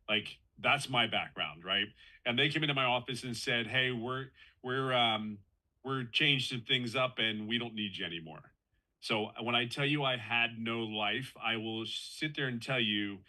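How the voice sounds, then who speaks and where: A man's voice: mid-range voice, bright, forceful tone, low-quality recording. A man in his fifties sharing his personal story as a guest on a live call, earnest and conversational, often restarting and repeating himself for emphasis. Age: 50s.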